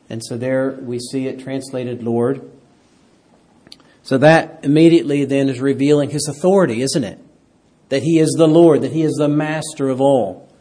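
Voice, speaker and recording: In a mellow, mid-range voice, a man teaches an interactive Bible class, frequently quizzing those listening and prompting them to say amen.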